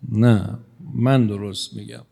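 A male cleric giving a religious sermon in a conversational, teasing manner, his loudness rising and falling as he speaks. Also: fairly low pitch, steady tone, creaky, husky. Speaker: cleric preacher.

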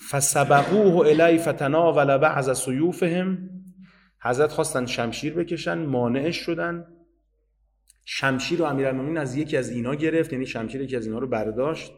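A man giving a religious history lecture, reading old narrations out slowly and then explaining them in everyday speech. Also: mid-range voice. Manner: reads Arabic narration slowly, then explains in casual Persian.

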